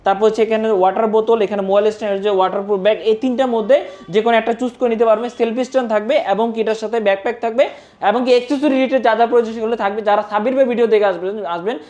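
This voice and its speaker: A Bangladeshi shop salesperson delivers a hard-sell promotional pitch at a very rapid pace. The delivery is insistent and repetitive, constantly urging the customer to buy. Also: fairly even intonation, a little mellow, lo-fi sound.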